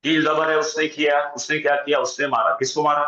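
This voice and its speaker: A man teaching an online Arabic grammar lesson, slowly drilling word forms aloud on a video call. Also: fairly high pitch, flat delivery, pushed and bright. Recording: dull echoey room sound.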